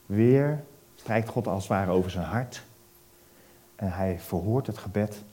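A man preaching, retelling a Bible story in a lively way and asking his listeners questions. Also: fairly low pitch, slow pace.

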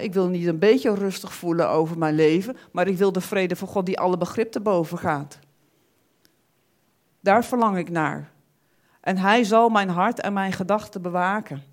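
A woman preaching a sermon in an animated way, often repeating words and acting out the thoughts she quotes. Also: lowish voice.

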